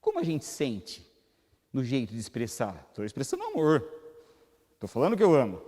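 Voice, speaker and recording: A man's voice: medium pitch, huge pitch swings, normal speed, dark tone. A Brazilian man with a Brazilian Portuguese accent giving a spoken lecture at a spiritist center, talking conversationally and putting rhetorical questions to the audience. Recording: reverberant hall.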